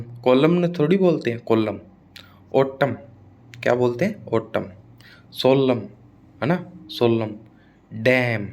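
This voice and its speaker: A young man with a Hindi-speaking Indian accent teaching exam phonetics, drilling words slowly and checking in with students. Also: medium pitch, darkish tone. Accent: Hindi-speaking Indian English. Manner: slow, repetitive drilling with frequent checks. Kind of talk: classroom lecture on phonetics.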